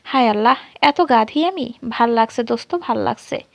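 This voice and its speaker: A woman voicing a loud, excitable young woman friend who jokes and teases in rural dialect slang. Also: sits high, gravelly, no echo. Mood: excited. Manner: rapid joking rural-dialect banter.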